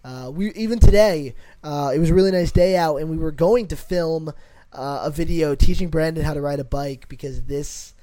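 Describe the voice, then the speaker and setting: A man's voice: on the high side, moderate pace, warm tone. A man co-hosting a casual podcast, talking loosely with many fillers and restarts. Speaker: podcast co-host. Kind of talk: casual chat.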